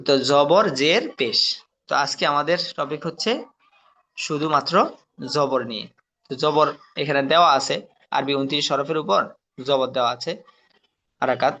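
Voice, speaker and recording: A man's voice: on the high side, pushed and bright. Man teaching Arabic letters, dull lo-fi audio. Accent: Bangladeshi Bengali. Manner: slow, drilling letters in repetitive recitation. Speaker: teacher of Quran reading. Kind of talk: Quran-reading lesson.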